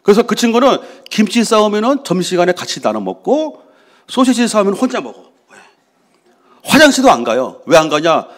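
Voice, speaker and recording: Middle-aged pastor man preaching, kinda high voice, bounces up and down a lot, asks the crowd stuff and answers himself. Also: brisk. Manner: lively, conversational, asks the congregation questions and answers himself; acts out voices of quarreling people. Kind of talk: sermon. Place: church sanctuary.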